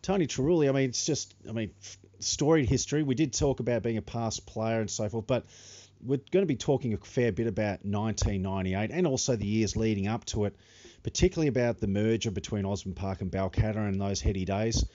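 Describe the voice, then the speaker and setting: A man's voice: lowish voice, a little fast, mellow, lo-fi sound. An Australian man hosting a casual sports podcast in a blokey, matey way. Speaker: podcast host.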